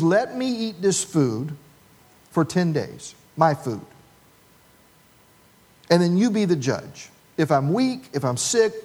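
Man preaching with a lively story. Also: high-pitched. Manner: storytelling with quoted voices and humor. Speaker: pastor. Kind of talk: sermon.

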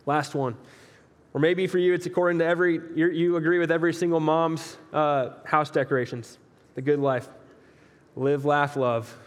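A young male pastor giving a laid-back, jokey sermon in a church hall. His voice sits fairly high for a man, and it rings out with a long echo off the walls. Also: a little fast. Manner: relaxed, joking, talks straight to the audience. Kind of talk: casual conversational sermon.

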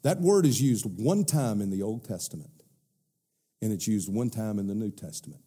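Husky Southern preacher, a man mid-sermon. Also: lowish voice, lively intonation, dark tone. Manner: emphatic, conversational, rhetorical questions, deliberate repetition.

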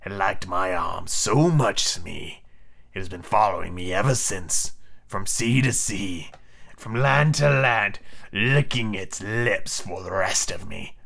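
Guy doing a dark brooding pirate captain from a storybook, really slow menacing delivery, proud, lowish. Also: expressive, gravelly, full character voice. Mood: brooding, petulant. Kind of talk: storybook character voice.

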